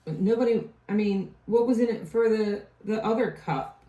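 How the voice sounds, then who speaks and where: A woman's voice: mid-range voice, moderate pace, warm tone, lo-fi sound. A woman giving a casual tarot reading, rambling and often trailing off to restart her thought. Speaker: tarot reader. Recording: echoey room, distant mic.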